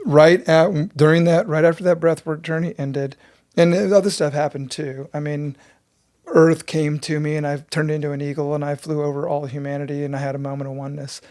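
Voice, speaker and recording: A man's voice: fairly high pitch, steady tone, fairly quick, a little mellow. A man in his fifties, a breathwork teacher telling his story with earnest intensity in an interview.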